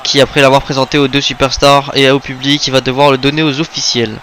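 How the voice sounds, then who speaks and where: Fast and flat at medium pitch, a man's bright, forceful voice calls out the moves of a video game wrestling match, exclaiming at the big ones. A little hiss or hum sits in the recording.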